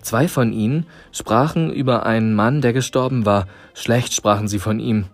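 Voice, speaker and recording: A man reading a storybook aloud to listeners in a calm, measured way. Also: medium pitch, no echo. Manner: calm, measured narration with dramatic pauses.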